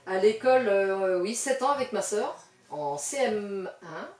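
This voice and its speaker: A woman's voice: medium pitch, measured pace, a little mellow. An older woman from the French countryside, chatting as an interview guest in a loose, filler-heavy way with laughing asides. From western France countryside. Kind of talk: casual interview chat. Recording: roomy sound from a distant mic.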